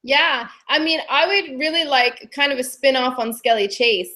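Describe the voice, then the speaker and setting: Bubbly, laughing woman, fairly high voice. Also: normal speed, bright, forceful tone. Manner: enthusiastic, laughs often. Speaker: book club co-host. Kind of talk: casual live-stream book chat.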